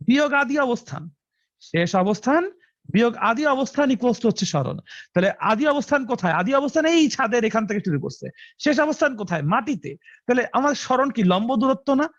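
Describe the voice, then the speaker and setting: High-voiced Bangladeshi physics teacher. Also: male voice, no room sound, dull audio. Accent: Bangladeshi Bengali. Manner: colloquial, mixes English terms, repeats phrases. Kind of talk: live online class lecture.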